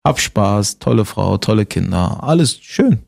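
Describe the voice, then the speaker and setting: A man from Germany, a comedian chatting casually as an interview guest and telling stories with animated laughter. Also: on the low side, measured pace, vocal fry.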